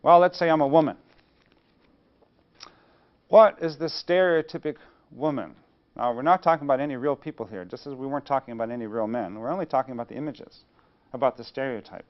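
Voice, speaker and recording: Male lecturer, mid-pitched voice, rhetorical question-and-answer lecture style, slightly muffled recording. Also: brisk, pauses often. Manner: rhetorical, poses questions then answers them. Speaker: engineering studies lecturer. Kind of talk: university lecture.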